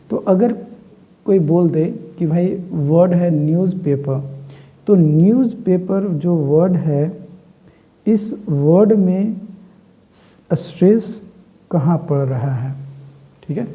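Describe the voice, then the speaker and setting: Male teacher, slightly high voice, slow deliberate delivery, repeats key words, tinny phone-like sound. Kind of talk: classroom lecture.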